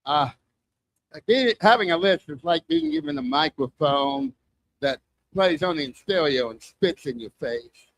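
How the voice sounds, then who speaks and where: An older man performs stand-up in a fairly high-pitched voice. A strong lisp gives his s sounds a wet whistle. He delivers crude, self-deprecating jokes to a live show. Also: sing-song, measured pace, gravelly, slight background noise, poor audio. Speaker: stand-up comic. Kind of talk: stand-up comedy. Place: live comedy open mic show.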